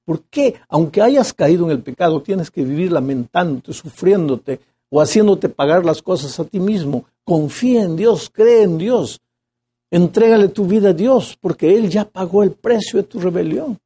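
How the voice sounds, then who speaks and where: A man's voice: sits high, animated, normal speed, mellow, husky. A man giving a Bible lesson as an impassioned sermon, rising to emphatic peaks.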